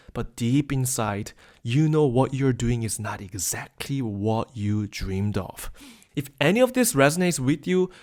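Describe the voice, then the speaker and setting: Hosting a webinar, a man from South Korea in his thirties runs through a scripted sales pitch in a persuasive, upbeat way.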